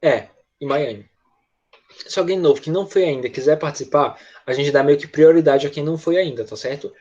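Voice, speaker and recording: A man with a Brazilian accent teaches English over the internet, patiently running pupils through repetition and frequently checking in with quick tag questions. He has a fairly high pitch and darkish tone, heard through a muffled recording.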